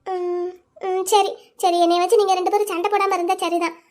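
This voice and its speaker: A voice actor playing a gentle young wife in a cartoon story, coaxing and questioning her husband. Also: very high voice, little pitch movement, a little fast. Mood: pleading.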